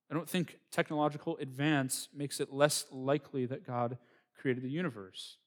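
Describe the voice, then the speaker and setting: A man preaching a sermon, earnest and reflective, building to emphatic points. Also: mid-range voice. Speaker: pastor.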